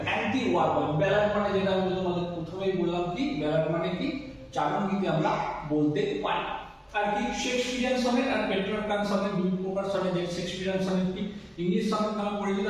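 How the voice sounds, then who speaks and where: A man teaching an exam-prep English lesson, reading each question slowly and often checking that his students follow. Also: high-pitched. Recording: echoey room, distant mic.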